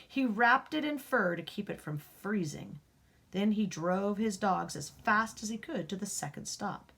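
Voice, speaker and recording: Reading a children's picture book aloud, a woman speaks expressively, rising up and then dropping to a hush at the dramatic moments. Her voice is medium-pitched and gravelly.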